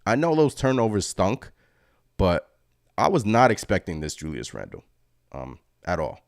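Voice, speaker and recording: A man hosting a live postgame reaction stream, talking in an excited, rambling way and reading chat comments aloud. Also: low voice, normal speed, creaky, no room sound, clean studio sound. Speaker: sports fan channel host.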